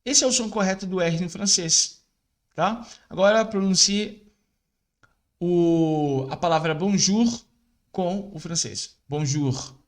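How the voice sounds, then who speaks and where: Guy teaching french sounds, kinda high voice, repeats words slow and chatty. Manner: explains informally, repeats French words slowly for practice. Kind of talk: casual video lesson.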